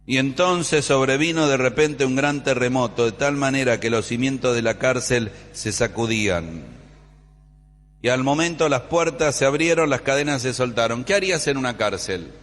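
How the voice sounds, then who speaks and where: Preacher in a reverberant hall. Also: male voice, medium pitch, normal speed. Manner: animated storytelling, quotes scripture. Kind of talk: sermon. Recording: long reverb in a large hall.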